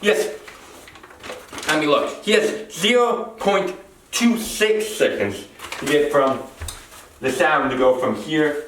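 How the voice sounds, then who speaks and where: Speaking slowly with frequent pauses, this presenter has a voice on the high side and a bit bright. He rambles through an impromptu explainer in a large echoing warehouse, repeating and correcting himself, recorded from a distance with faint noise.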